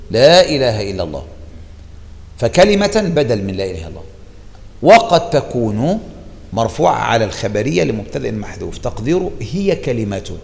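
A man with an Egyptian Arabic accent teaching a religious lesson, explaining a classical text in an animated way and repeating key phrases for emphasis. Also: medium pitch, gravelly, long reverb tail.

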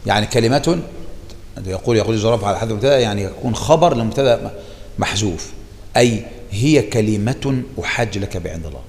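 A man with an Egyptian Arabic accent gives a religious lesson, his voice gravelly and his pitch swinging up and down. He talks fast and repeats his key points for emphasis. A long reverb from the hall trails after his words. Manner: animated teaching, repeats key phrases for emphasis. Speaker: religious teacher. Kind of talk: explaining a classical text in a lesson.

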